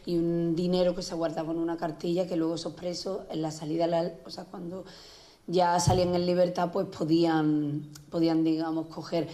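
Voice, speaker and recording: Hesitant woman journalist with a dark voice. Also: fairly low pitch, little pitch movement, normal speed. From Spain. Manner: hesitant, many restarts and fillers. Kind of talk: conference talk. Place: public conference hall.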